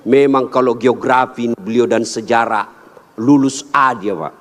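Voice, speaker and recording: A male preacher gives a humorous sermon at a big religious gathering, telling funny stories and jumping to high-pitched punchlines. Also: measured pace. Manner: jokey, storytelling, animated with sudden high-pitched punchlines.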